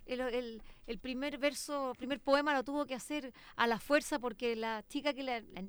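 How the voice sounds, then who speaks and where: A woman's voice: high voice, steady tone, normal speed, clean tone, no room sound. A woman, a journalist interviewing a poet, hesitant with many fillers but enthusiastic. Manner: hesitant, full of "eh" fillers and restarts, warmly enthusiastic. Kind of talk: cultural interview.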